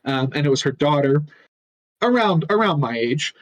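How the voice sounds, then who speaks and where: A young man on a podcast telling a long casual story, rambling and halting and chuckling often. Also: a little high, sing-song, rough recording. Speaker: podcast co-host.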